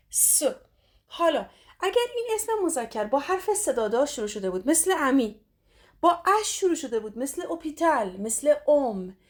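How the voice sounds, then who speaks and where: A middle-aged woman from Iran teaching French grammar. She says French phrases slowly and carefully, then explains quickly in another language. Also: high-pitched. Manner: slow deliberate French model phrases, quick Persian explanations. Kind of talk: grammar lesson explaining in Persian.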